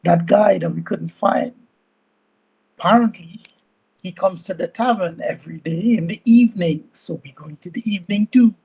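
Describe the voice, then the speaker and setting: A player at a tabletop game with a husky voice, talking in a matter-of-fact way. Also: medium pitch, moderate pace, a little mellow, highs cut off.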